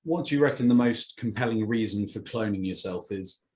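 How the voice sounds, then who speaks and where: Male comedy podcast host, low voice, wry and deadpan. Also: a little fast. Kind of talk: casual comedic chat.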